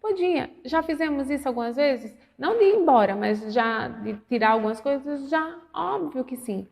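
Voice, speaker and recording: Gravelly-voiced woman teaching in an echoing room. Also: sits high, moderate pace. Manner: animated, re-enacts dialogue, earnest devotional tone. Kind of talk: lesson with personal storytelling.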